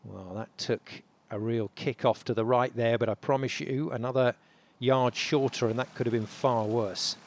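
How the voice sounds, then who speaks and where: Male golf commentator over steady background noise. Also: medium pitch. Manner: measured build-up with dramatic short phrases. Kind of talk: golf tournament television commentary, dramatic narration of play.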